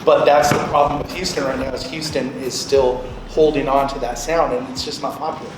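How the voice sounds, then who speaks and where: A radio programmer, a late-thirties man serving as a guest speaker, talks briskly in a medium pitch with fairly even intonation. He delivers an informal, conversational instructional talk to a group and checks in with short questions. The room echoes, the mic is far off, and background noise is loud.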